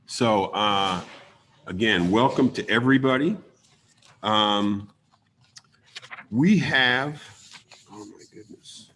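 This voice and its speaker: A man with a raspy voice from a cold, hosting a community town hall and leading a prayer, speaking haltingly with many ums. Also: fairly low pitch, fairly bright tone, slight background noise.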